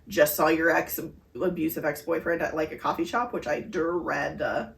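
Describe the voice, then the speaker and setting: A woman's voice: low-pitched, steady tone, normal speed, gravelly, recorded from a distance. A woman co-hosting a podcast, earnestly explaining breathing exercises in casual chat with many fillers. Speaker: podcast co-host. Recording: echoey room heard from afar.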